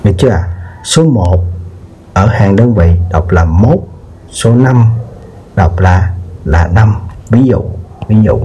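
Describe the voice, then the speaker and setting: A man teaching a children's math lesson, explaining slowly, repeating himself and often checking whether the viewers have followed. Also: lowish voice, animated, warm tone, slight background noise. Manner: slow, repeats words and asks "được chưa?". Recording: dull lo-fi sound with guitar music behind.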